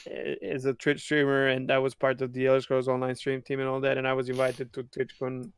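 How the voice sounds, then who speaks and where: Man from serbia, excitable podcast co-host, clear smooth voice, dry sound. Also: mid-range voice, fairly quick, no room sound. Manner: excitable, laughing often. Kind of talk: casual gaming podcast chat.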